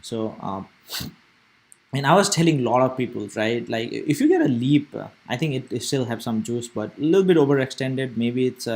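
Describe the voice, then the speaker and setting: With a mid-range, darkish voice carrying a breathy edge, a young streamer from Nepal talks through stock charts live. His commentary is casual and wandering, full of fillers and restarted sentences.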